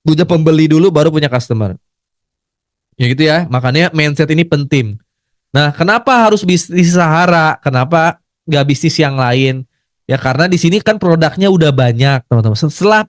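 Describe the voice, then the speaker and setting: High-voiced man, earnest pep talk. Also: no room sound, clean studio sound. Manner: earnest, repetitive, conversational. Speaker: network marketing business leader. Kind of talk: motivational business talk.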